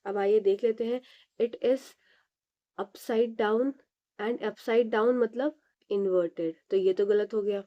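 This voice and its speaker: A woman teaching an exam prep lesson. She reads each English question slowly, then explains it in Hindi with rhetorical questions. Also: mid-range voice, steady tone, muffled recording.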